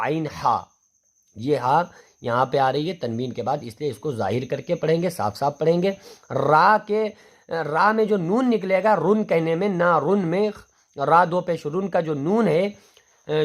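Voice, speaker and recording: Man, fairly high voice, Quran reading teacher, step-by-step explanations, slow spelled-out letters. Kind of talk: classroom lesson on Quranic reading rules.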